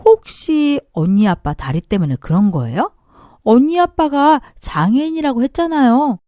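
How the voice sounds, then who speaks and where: A woman's voice: high voice, very animated, moderate pace, dark tone, no echo. A woman doing a bratty, sneering young sister-in-law. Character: spoiled young sister-in-law, rude and shrill.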